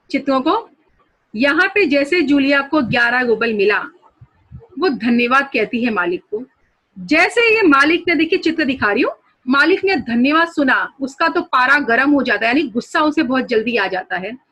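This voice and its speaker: A woman's voice: high-pitched, a bit bright, low-quality recording. A woman school teacher giving an online lesson. She reads a story aloud and explains it, defining new words for her students.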